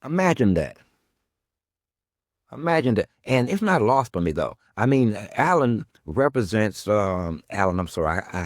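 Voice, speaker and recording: A man's voice: low voice, no echo, studio quality. A male podcast host delivering a confrontational monologue at an absent guest. He is sarcastic and profane, and he keeps circling back to his questions.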